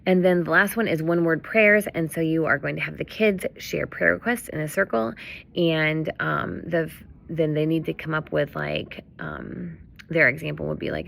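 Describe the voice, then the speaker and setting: Gravelly low-voiced woman giving casual instructions. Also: a bit bright, a little hiss or hum. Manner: chatty, many fillers and self-corrections. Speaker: children's ministry leader.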